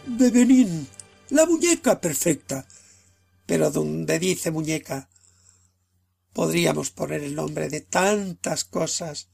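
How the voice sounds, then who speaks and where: A woman's voice: sits low, creaky, darkish tone, husky. A woman giving scripted, reflective commentary as a presenter.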